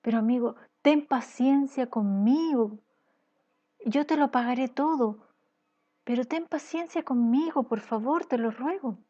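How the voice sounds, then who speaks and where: A woman's voice: high voice, a little slow, warm tone, lo-fi sound. A woman voicing a poor male worker who begs his friend for patience, in a children's story lesson. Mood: pleading.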